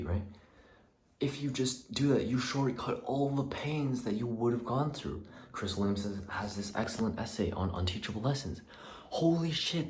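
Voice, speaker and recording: A young man rambling through a personal vlog rant, swearing freely and sometimes dropping into a whisper, recorded in a small bathroom. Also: mid-range voice. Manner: profane, rambling, restarts, drops to a whisper at times. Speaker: vlogger. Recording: echoey small room with faint ambience.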